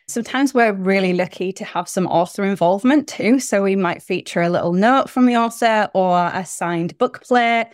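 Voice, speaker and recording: A British woman in her thirties, with a lowish voice, guests on a podcast and chats enthusiastically about her small business. She laughs easily in this casual interview conversation, and the studio recording is clean with no room sound.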